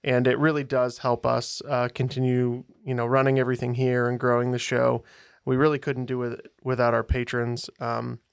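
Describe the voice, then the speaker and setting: Gravelly-voiced man on a podcast. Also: medium pitch, completely flat delivery, normal speed, dry recording, studio quality. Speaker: podcast co-host. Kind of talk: casual podcast chat.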